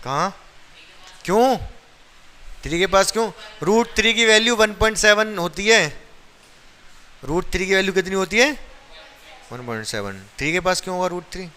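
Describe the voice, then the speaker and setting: A man's voice: sits high, expressive, normal speed, pauses often, sharp tone, slight background noise. A man teaching a maths lesson in a classroom, who keeps asking his students questions and then answers them himself.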